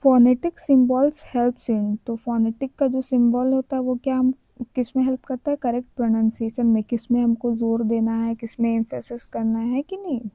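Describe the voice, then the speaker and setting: A young woman teacher reads English exam questions aloud slowly and explains the answers in Hindi, asking rhetorical questions as she goes. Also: a little high, little pitch movement, mellow, dry recording, low-quality recording. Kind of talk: exam-prep lesson mixing Hindi and English.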